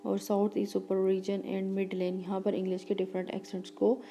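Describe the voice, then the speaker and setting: A woman teacher giving a lecture, reading English lines slowly and explaining them quickly in between, with fillers and restarts. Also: mid-range voice, monotone, warm tone, slight background noise.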